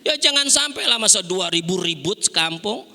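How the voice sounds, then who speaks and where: A man preaching a sermon in a mosque in an animated, conversational way, often asking the women listening a question. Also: high-pitched, moderate pace, gravelly. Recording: hall reverb in a mosque.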